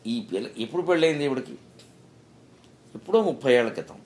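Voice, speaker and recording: Brief: middle-aged man, spiritual discourse, animated storytelling with rhetorical questions. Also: medium pitch, fast, a little hiss or hum. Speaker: spiritual speaker.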